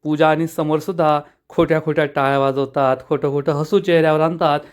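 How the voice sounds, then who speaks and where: A man retelling a TV serial episode in a measured storytelling manner, reading every character's lines in his own voice. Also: on the high side, steady tone, clear, resonant tone.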